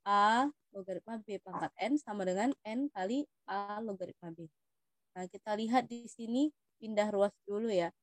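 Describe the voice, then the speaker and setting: A woman's voice: mid-range voice, normal speed, no echo. A young woman with an Indonesian accent, patiently explaining math test questions to students as a tutor. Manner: patient, addresses students as "Dik".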